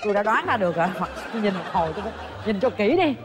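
A woman's voice: mid-range voice, animated, over music, a crowd in the background. Teasing woman host. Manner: teasing, chatty, quick to joke. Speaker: dating show host. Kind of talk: playful show hosting. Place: studio set of a dating show.

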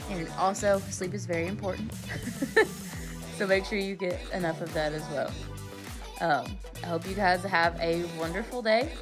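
A woman in her thirties, a mother, chatting casually and encouragingly as she narrates her cleaning routine, with frequent "um"s. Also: medium pitch. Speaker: cleaning vlogger, mom.

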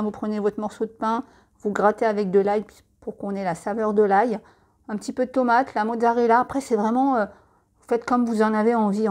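A woman's voice: a little high, a little mellow. Chatty French woman reading prices. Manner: chatty, lists prices with asides and tips. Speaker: catalogue presenter. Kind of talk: casual product catalogue read-through.

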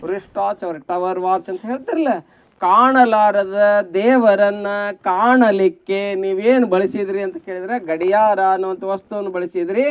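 North karnataka man, devotional storytelling for kids, high voice, dry sound, keeps quizzing the crowd. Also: brisk, hardly any pauses, darkish tone, dry recording. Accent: North Karnataka Kannada. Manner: keeps asking the audience questions. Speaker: speaker at a children's devotional program.

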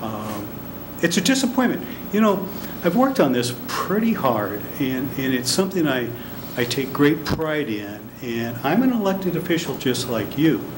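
Standing at a podium in a large council chamber, an older man who serves as an elected transit board director responds to the city council, earnest yet defensive. His mid-range voice swings widely in pitch and moves a little slowly, picked up by a podium microphone amid the chamber's noise.

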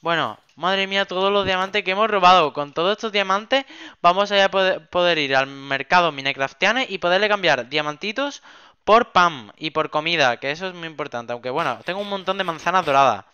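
Bright high-voiced man gaming. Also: a little fast, clean tone, highs cut off. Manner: excitable, chatty, repeats words. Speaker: gaming youtuber. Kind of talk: game role-play commentary.

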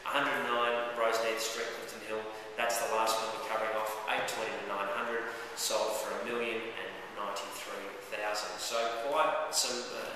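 A man's voice: fairly low pitch, pushed and bright. Young Australian man, echoey room. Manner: conversational, with fillers and restarts. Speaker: real estate agent presenting auction results. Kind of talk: weekly market update to camera. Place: indoor room with a painted brick wall, seated at a desk. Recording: echoey room, distant mic, faint hum.

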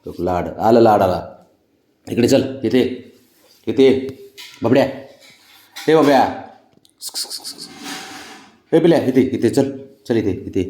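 A man's voice: mid-range voice, measured pace, pauses often, mellow. A man chatting casually with his pet cats in a coaxing, teasing way, scolding them playfully. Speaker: pet owner.

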